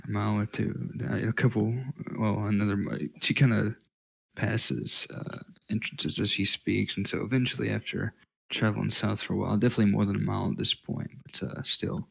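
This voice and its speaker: Very gravelly, flat-toned man running a game. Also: fairly low pitch, a little fast, poor audio. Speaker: game master. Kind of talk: casual improvised tabletop game narration.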